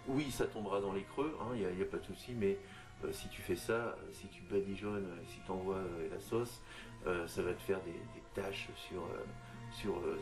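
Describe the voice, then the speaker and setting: A man with a lowish voice narrates a casual miniature painting tutorial as he works, with faint music in the background. He sounds hesitant, using lots of fillers and restarts while addressing the viewer informally.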